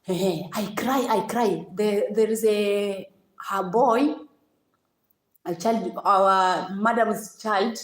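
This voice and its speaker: A woman telling her own story on a casual livestream, halting and repeating words as she goes, with frequent laughs. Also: mid-range voice. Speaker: vlogger. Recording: echoey room.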